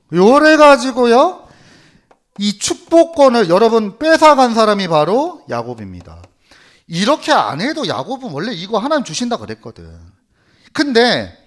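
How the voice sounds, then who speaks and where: A man retells a Bible story to children in a lively sermon and quizzes them as he goes. His pitch sits fairly high and moves a lot. The delivery is animated and chatty. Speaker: children's preacher.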